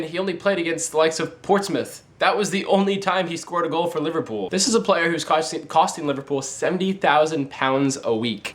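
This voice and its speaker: Fast-talking, emphatic young man hosting a sports vlog. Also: a little high, fairly bright tone. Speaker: sports video host. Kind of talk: opinionated sports commentary vlog.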